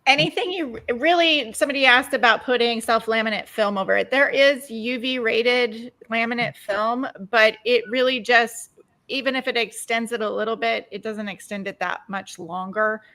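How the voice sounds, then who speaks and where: A woman's voice: fairly high pitch, normal speed, pushed and bright. A woman from the United States giving casual advice from her own experience as a panelist.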